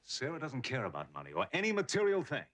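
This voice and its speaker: A man's voice: medium pitch, wildly swooping pitch, fast, a bit bright. An actor playing a concerned, reassuring male friend in an earnest television soap style. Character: concerned, reassuring male friend offering level-headed advice. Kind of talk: television soap drama acting.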